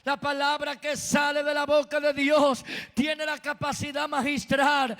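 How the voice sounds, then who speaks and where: A man preaching a sermon from a pulpit microphone in church, emphatic and often breaking into shouts. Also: very high voice, big-room sound.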